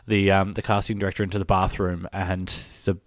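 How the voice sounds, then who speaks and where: A man's voice: deep voice, little pitch movement, brisk, no room sound. A man co-hosting a casual review podcast, retelling scenes with swearing and playful acted quotes. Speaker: co-host.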